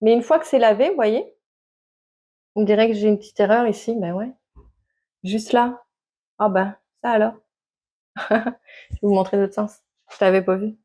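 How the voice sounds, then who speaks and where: A woman's voice: mid-range voice, moderate pace, pauses often, warm tone. A woman chatting casually to camera about her knitting, hesitant with many fillers and restarts. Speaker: knitting vlogger. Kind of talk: casual show-and-tell chat to camera.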